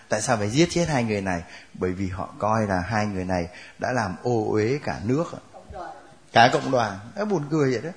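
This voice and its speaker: A man teaching a Bible class, joking and laughing with his students. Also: lowish voice.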